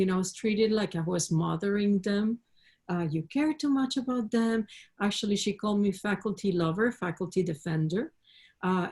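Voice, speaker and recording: A woman from Colombia speaks as a panelist on a video call. Her voice sits fairly low, and she talks in a measured, thoughtful way. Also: dark tone.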